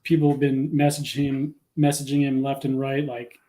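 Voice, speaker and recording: A man's voice: mid-range voice, level tone, normal speed, warm tone. A man as a guest on a casual livestream, giving earnest advice with many fillers.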